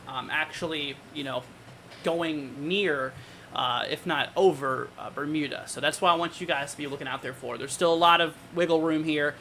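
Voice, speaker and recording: A man's voice: on the high side, bright, forceful tone, slight background noise. A man hosting a live weather forecast, talking informally and conversationally as he thinks aloud. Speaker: weather livestream host.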